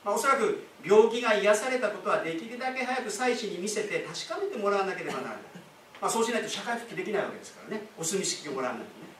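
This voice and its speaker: High-voiced pastor preaching in an echoey hall. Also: male voice, lively intonation, rapid-fire, fairly bright tone, far from the mic, slight background noise. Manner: conversational, explains with asides and rhetorical questions. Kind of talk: sermon. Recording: echoey room, speaker away from the mic.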